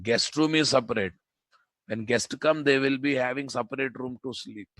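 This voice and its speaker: A man's voice: mid-range voice, normal speed, a bit bright, no room sound. A man with a Telugu Indian accent teaching a live programming class, informally bantering with students and repeating phrases and questions for emphasis. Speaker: programming instructor.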